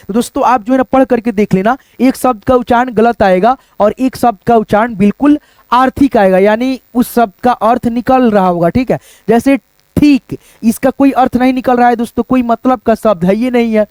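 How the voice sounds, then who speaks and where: A man with a high-pitched voice teaches a casual lesson, walking through each letter and word one at a time. He keeps calling his listeners friends as he explains. The recording is dry and close. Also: darkish tone, no echo.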